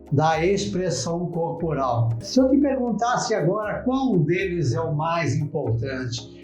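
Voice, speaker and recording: A man's voice: sits high, a little mellow. A man teaching to camera, stressing key words and speaking straight to the listener. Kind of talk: lecture to camera. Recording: echoey room with faint music.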